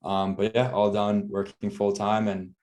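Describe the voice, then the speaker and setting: A young man in his twenties, a guest software engineer, answering in a modest, easygoing way. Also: on the low side, flat delivery, a little slow. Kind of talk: casual interview.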